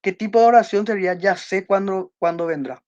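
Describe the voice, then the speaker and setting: A Spanish teacher giving an online class, explaining accent rules and slowly reading out example sentences, checking in with her students. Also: mid-range voice, a little mellow, dull audio. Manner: checks in with students by asking questions.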